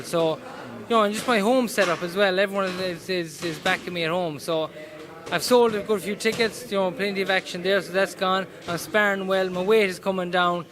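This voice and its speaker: A male boxer with a Mayo, west of Ireland accent speaks in a high voice. He talks casually and earnestly, circling back over phrases. There is clear busy gym noise behind him. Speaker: professional boxer being interviewed. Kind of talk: casual interview answers. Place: indoors in a boxing gym.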